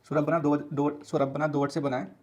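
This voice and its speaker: A man's voice: fairly high pitch, little pitch movement, mellow, lo-fi sound. Man teaching with patient repeats. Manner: explains slowly with many repeats and fillers; mixes English words into his talk. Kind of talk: casual online lesson.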